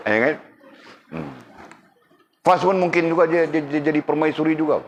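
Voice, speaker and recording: A man's voice: fairly high pitch, unhurried, dull audio, slight background noise. A male religious teacher gives a casual classroom lecture. He keeps checking that his students understand and teases them with jokes.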